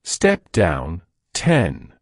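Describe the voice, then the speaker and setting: A man talks a listener down into sleep in a slow, unhurried voice. His pitch swoops widely, rising and sinking as he draws out each instruction. The sound is close and dry, with no room around it. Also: wildly swooping pitch, no room sound. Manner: slow, soothing, drawn-out delivery. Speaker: sleep hypnosis guide. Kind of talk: guided relaxation script.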